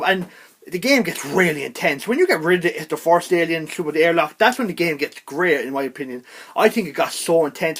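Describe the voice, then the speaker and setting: Reviewing a video game in a relaxed, spoken style, this high-voiced young man rambles with animation and keeps starting his sentences over.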